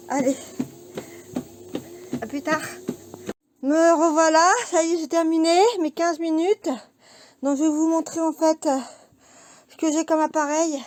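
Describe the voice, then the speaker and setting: A woman's voice: high voice, darkish tone. A woman chatting casually while filming her home workout, out of breath and full of fillers. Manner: chatty, filmed mid-exercise, filler-heavy. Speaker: fitness vlogger. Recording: distant mic, noisy home room.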